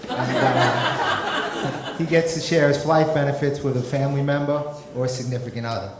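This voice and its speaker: A man's voice: mid-range voice, moderate pace, crowd noise. A man performing a stand-up comedy set on a club stage, talking conversationally into a handheld microphone. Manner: conversational, peppered with "you know". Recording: roomy club recording, loud audience laughter.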